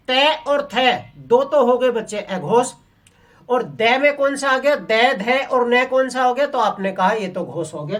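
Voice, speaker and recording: A woman's voice: on the high side, far from the mic. A woman teaching a Hindi grammar class online. She asks the class questions and answers them herself, often calling her listeners children.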